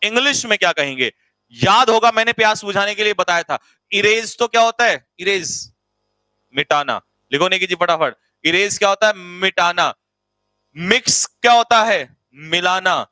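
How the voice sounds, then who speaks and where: A man's voice: high-pitched, animated, moderate pace, pushed and bright, no echo, poor audio. A man teaching vocabulary to a class. He teases the students and repeats each meaning so they can write it down. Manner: teasing, jokey, calls students beta and bhai. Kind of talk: classroom vocabulary lesson in Hindi.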